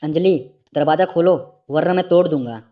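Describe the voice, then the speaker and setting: A man's voice: fairly high pitch, fairly quick, narrow, tinny audio, lightly acted. A man voicing a menacing middle-aged male family friend who talks in a cold, mocking way, in a storybook reading.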